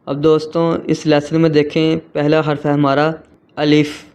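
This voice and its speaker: A man's voice: on the high side, monotone, a little mellow, clear, resonant tone. Patient Urdu-speaking man teaching letters. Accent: Pakistani Urdu. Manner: slow, patient, drawn-out letter sounds. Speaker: Quran reading teacher. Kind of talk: tutorial.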